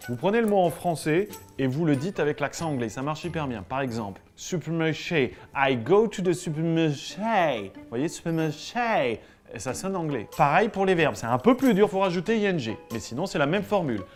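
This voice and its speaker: A man playing a cocky, bluffing high school English teacher in a comedy sketch, deadpan and self-assured, mixing French with French-accented English. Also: normal speed, soft background music. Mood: smug.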